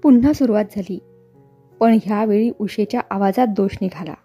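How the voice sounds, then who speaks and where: Woman reading a novel out loud, high husky voice, soft music behind. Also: moderate pace. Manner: steady storytelling. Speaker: narrator. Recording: faint background music.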